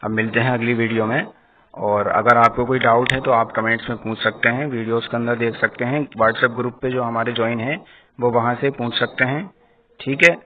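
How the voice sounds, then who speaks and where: A man giving an online Quran reading lesson. He spells syllables out slowly, then explains at a brisk pace. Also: medium pitch, fairly even intonation. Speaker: Quran teacher. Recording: tinny phone-like audio with faint hiss.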